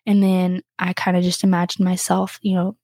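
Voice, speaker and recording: Chatty young woman with a mellow voice. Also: completely flat delivery, normal speed, dry recording, studio quality. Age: young adult. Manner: chatty, full of "like" fillers, jumps high when acting out others' words. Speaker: podcast host. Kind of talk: casual personal storytelling.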